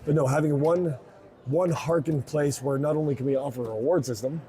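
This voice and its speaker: A man being interviewed at a convention, talking in a rambling, excited way, correcting himself and laughing often. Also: fairly high pitch, a little fast. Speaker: event organizer interviewee.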